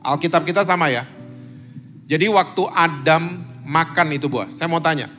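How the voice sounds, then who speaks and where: A male pastor speaking in a somewhat high voice, preaching in a chatty way as a talk-show guest. He fires questions at the audience and drops English words into his talk. Soft music sits faintly behind him in a church meeting room. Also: normal speed. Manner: animated, quizzes the audience, mixes in English words.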